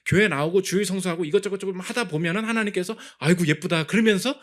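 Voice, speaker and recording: A man preaching a Sunday sermon as pastor, animated, acting out quoted voices and building to emphatic peaks. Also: high voice, racing. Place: church sanctuary.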